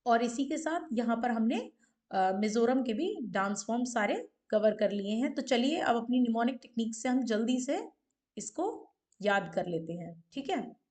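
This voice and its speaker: A woman's voice: on the high side, lively intonation, unhurried, a little mellow. A woman teacher giving an exam-prep lecture on folk dances. She keeps asking questions and confirming with "ठीक है". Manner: explanatory, repeats questions and "ठीक है" often.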